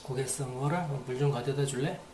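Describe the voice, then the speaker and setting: A man's voice: mid-range voice, moderate pace, roomy sound, background noise. A man giving a casual, rambling spoken lesson, repeating phrases aloud to demonstrate them. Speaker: English teacher.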